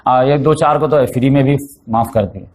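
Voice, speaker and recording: A man's voice: medium pitch, darkish tone, slight background noise. A man giving a religious lecture in storytelling form, sprinkling in English words and growing emphatic when he voices the people in his story. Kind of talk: Urdu religious lecture on the Prophet's life.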